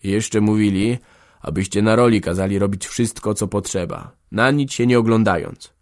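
A man reading aloud who voices a weary old man, speaking gently, soothingly and a little evasively. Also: lowish voice, moderate pace, close to an everyday voice. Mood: reassuring.

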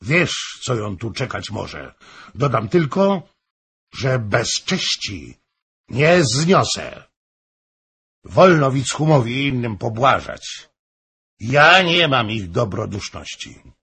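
A man voicing a bitter, hot-tempered jealous husband in an audiobook, with a gravelly, husky voice. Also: lowish voice, big pitch swings, slow pace, a bit bright, heavily acted. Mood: threatening.

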